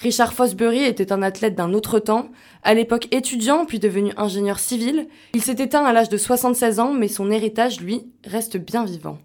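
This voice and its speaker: A young woman reading a scripted culture and sport segment in a lively, conversational way. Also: on the high side, brisk. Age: young adult.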